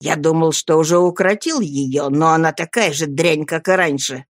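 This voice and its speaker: A woman voicing a brutal, bullying male thief who speaks roughly and bluntly in an audiobook reading. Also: low voice, normal speed, no echo, clean studio sound, close to an everyday voice. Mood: grumbling.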